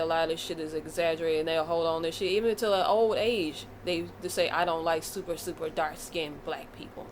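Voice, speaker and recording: A woman's voice: on the low side, a little hiss or hum. An American woman vlogging a casual commentary rant, blunt and profane, with a fired-up delivery. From United States.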